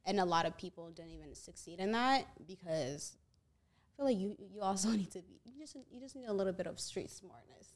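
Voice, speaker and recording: A young woman from Ethiopia, a podcast guest chatting casually, relaxed and rambling, with many "like" and "you know". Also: mid-range voice, a little fast. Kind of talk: casual chat.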